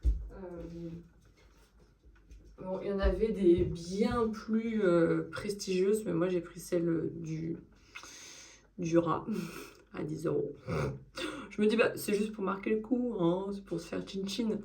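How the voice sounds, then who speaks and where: A woman in her thirties chatting casually in a vlog, expressive and full of fillers. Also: fairly low pitch, slow, vocal fry, long pauses. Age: 30s. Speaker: vlogger.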